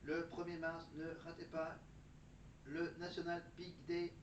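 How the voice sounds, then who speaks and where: A man putting on the flat, monotone voice of a chatbot robot while reading out facts, picked up far from the mic in a dull, noisy recording. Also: on the high side, measured pace, reverberant, close to an everyday voice. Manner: even, mechanical reading of facts. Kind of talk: factual segment delivered as a robot.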